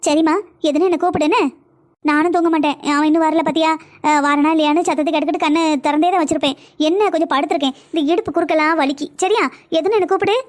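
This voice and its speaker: Brief: woman playing a motherly older cartoon mother-in-law, southern Tamil accent, very high and brisk. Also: steady tone, close to an everyday voice. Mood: caring. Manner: soothing, motherly coaxing. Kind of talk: cartoon voice acting.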